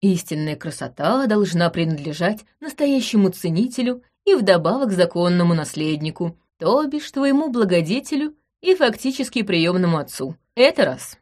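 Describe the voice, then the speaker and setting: A woman's voice: on the low side, big pitch swings, moderate pace, hardly any pauses, a little mellow. A woman narrating a first-person fantasy audiobook with a wry, ironic manner.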